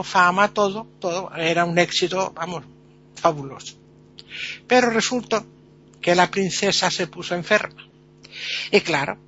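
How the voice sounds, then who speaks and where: A man tells a folk tale aloud in a lively, chatty way. His voice is high and bright for a man. The recording sounds a little dull and lo-fi. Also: slight background noise. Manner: lively, chatty, with many fillers. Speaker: storyteller. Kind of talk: oral folk tale telling.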